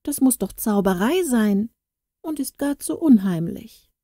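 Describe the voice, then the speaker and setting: Lady reader doing a shy lonely little village girl, pleading, higher and lively. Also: unhurried, no room sound, studio quality. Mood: doubtful. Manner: pleading, eager. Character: timid, pious young village girl, lonely.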